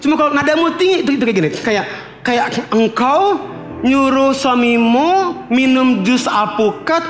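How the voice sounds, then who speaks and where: A man's voice: very high voice, expressive, moderate pace, echoey room, faint music behind. A male pastor preaching a sermon with humor, playfully mimicking how wives talk. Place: church.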